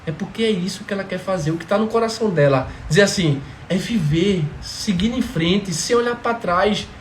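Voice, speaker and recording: Animated man, echoey room. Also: high-pitched, moderate pace. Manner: animated, emphatic, keeps asking "entendeu?". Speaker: father sharing about his family. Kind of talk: casual testimony talk. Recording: echoey room with faint background noise.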